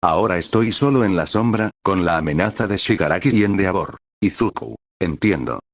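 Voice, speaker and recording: A man's voice: low-pitched, animated, moderate pace, no room sound, studio quality. A man reading as an earnest teen boy hero. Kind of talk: scripted fanfic reading.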